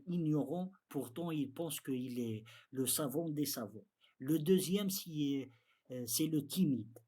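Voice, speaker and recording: A man with an Arabic accent, a native Arabic speaker, giving a beginners' religious lesson in halting, non-fluent French. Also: medium pitch, slightly rough. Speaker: interpreter for an Islamic teacher.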